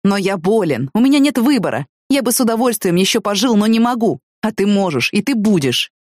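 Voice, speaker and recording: A woman's voice: medium pitch, big pitch swings, brisk, a little mellow, no echo. Woman voicing a stubborn sick young guy, short and cold, dry close recording. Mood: resigned. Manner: curt, firm, dismissive. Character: young man, gravely ill, stubborn and cold. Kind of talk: audiobook reading.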